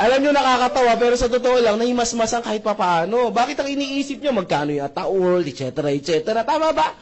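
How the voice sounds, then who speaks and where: High-voiced joking male seminar speaker. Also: animated, brisk, a little hiss or hum. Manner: joking, keeps asking the audience "tama ba?"; polite, addresses the crowd with "po" and "mga brother, mga sister". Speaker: seminar speaker presenting a marketing plan. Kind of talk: lively seminar presentation mixing Tagalog and English.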